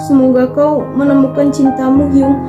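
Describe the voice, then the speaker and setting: A woman's voice: high voice, monotone, normal speed. A young woman who reads a story aloud and reacts to it, crying and laughing through tears with plenty of slang. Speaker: fanfiction reaction vlogger. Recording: echoey room with music behind.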